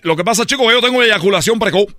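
A breezy, talkative Cuban fellow, voiced by a man on a comedy radio show with a Cuban accent. He talks fast and high, and the sound is close and dry. He is loud and easygoing. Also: no room sound.

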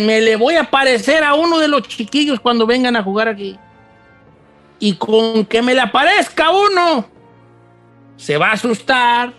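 A man voicing a small, ugly male tree demon who talks low and mutters with quiet menace. He grumbles his plans to scare children away. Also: heavily acted.

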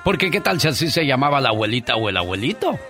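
A man's voice: mid-range voice, fast talker, faint music behind. A man hosting a comic radio show, giving advice and promoting his records. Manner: advising, promotional, lively. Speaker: radio host and motivational speaker.

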